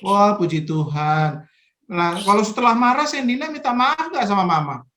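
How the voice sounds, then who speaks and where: A man's voice: high voice, very animated, moderate pace, a bit bright, reverberant, a little hiss or hum. A man leading a children's Sunday school session over a video call, coaxing the kids with playful questions. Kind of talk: children's online worship Q&A.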